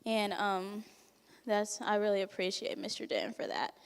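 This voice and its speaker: With a mid-range voice, big pitch swings and a moderate pace, a teenage girl gives a frank banquet testimonial about her life as a resident. English isn't her first language, and she laughs often while acting out people's words. Her tone is clean, set in a big-room sound.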